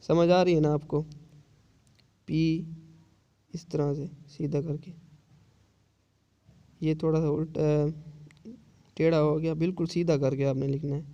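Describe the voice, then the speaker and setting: A man's voice: on the high side, flat delivery, a little slow, pauses often, warm tone, lo-fi sound. A man teaching shorthand in an online lesson, explaining patiently and repeating points often. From Pakistan. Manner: patient, repetitive explaining with frequent checks.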